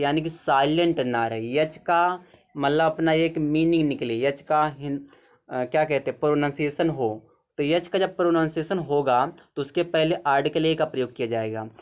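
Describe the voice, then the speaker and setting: A man giving a grammar lesson, explaining patiently, repeating each point and checking in with short confirmations. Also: a little high. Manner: patient, repetitive explaining with frequent "theek hai". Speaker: teacher. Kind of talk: grammar lesson over a zoomed screen.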